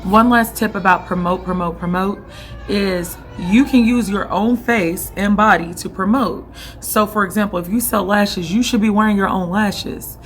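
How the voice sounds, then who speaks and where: With soft music underneath, a young woman talks at normal speed in a mid-range voice that is hoarse and going. She gives casual vlog tips for an online boutique, coaching directly and repeatedly checking in with the listener.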